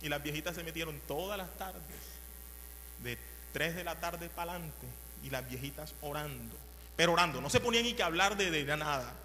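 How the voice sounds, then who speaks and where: Male preacher, story-sermon; slightly high voice, reverberant hall with faint hum. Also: a little fast. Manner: animated, repetitive, swings from hushed to loud.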